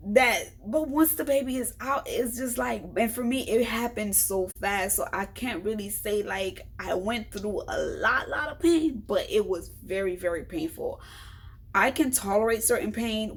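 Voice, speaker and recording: A woman's voice: mid-range voice, breathy edge. A woman vlogger telling a story casually to her viewers in a chatty, frank and humorous way, acting out the lines of other people. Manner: animated, chatty, acts out quoted dialogue.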